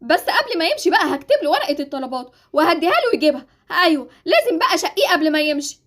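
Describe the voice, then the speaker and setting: A woman's voice: very high-pitched, very animated, rapid-fire, a bit bright. A woman with an Egyptian Arabic accent voicing an exasperated housewife in a game drama, scolding and theatrical. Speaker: channel creator voicing a game series.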